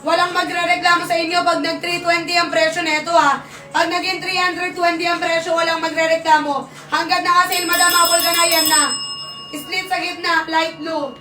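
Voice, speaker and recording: A young Filipino woman hosting a live-selling stream, talking loud and near-shouting, urgent and repetitive as her voice gives out. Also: very high-pitched, little pitch movement, normal speed, far from the mic. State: losing her voice. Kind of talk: fast live-selling sales pitch. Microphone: phone. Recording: echoey room, off-mic, faint ambience.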